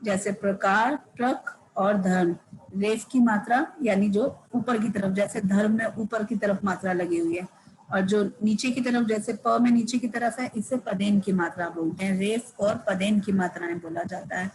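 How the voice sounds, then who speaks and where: A woman school teacher giving a Hindi grammar lesson, explaining each rule twice and drawing out the example words slowly. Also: medium pitch, steady tone, darkish tone, slight background noise, low-quality recording.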